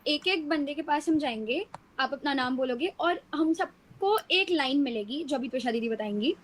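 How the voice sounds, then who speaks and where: A young woman hosting an online workshop over a video call, briskly explaining the rules of a speaking exercise in Hindi and English. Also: high voice, lively intonation, low-quality recording. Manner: brisk, instructive. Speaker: workshop host. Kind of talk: explaining an activity.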